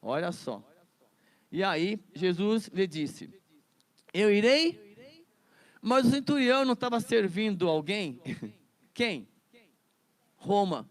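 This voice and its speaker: A man's voice: sits high, sing-song, slow, long pauses. A man teaching a Bible study lesson in a chatty way, laughing often and repeating words.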